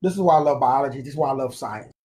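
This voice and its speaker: A man's voice: medium pitch, racing, a little mellow, a little hiss or hum. A man giving an informal spiritual lecture, slangy and emphatic, repeating words for stress. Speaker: spiritual teacher.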